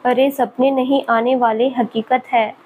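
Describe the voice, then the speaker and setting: A woman's voice: a little high, fairly even intonation, unhurried, darkish tone, slight background noise, close to an everyday voice, poor audio. A woman playing a sulky young student girl. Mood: pouty. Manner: pleading, pouty.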